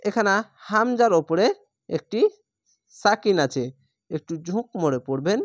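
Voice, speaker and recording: A man's voice: high voice, lively intonation, normal speed, no room sound, clean studio sound. A man teaching Quran reading, spelling out each letter and vowel mark one syllable at a time before reading the whole word.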